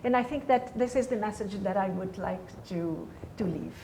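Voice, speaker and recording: A woman's voice: mid-range voice, moderate pace, mellow, slight background noise. A woman speaking as a scientist on a panel, hesitant, with many "you know"s and "uh"s. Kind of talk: panel discussion remarks.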